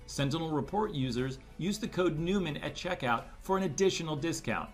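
A man reading a scripted ad voiceover, smooth and persuasive, over light music. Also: on the high side, expressive, fairly quick. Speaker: ad narrator.

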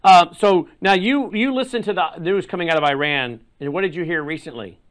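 A man hosts an interview in a somewhat high voice. He keeps his turns short, agreeing and prompting the guest with questions. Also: fairly quick, a bit bright. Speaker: show host.

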